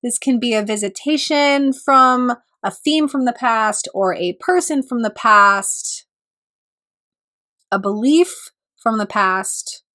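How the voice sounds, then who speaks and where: Her pitch fairly high and her tone sharp, a woman astrologer reflects on her own, pausing and clearing her throat. Her voice hasn't fully recovered from a cold.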